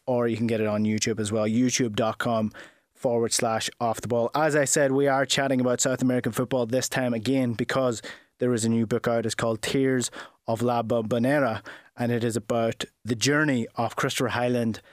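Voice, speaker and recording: A man's voice: mid-range voice, fairly even intonation, fairly quick, no room sound, clean studio sound. A man hosting a football podcast, chatty and conversational, asking several questions in a row. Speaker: podcast host.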